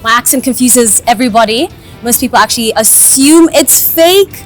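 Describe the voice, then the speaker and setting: A young woman from Kenya talking candidly in a casual vlog, chatty and quick to laugh, recorded outdoors high up on a building. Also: soft background music. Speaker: vlogger and radio host.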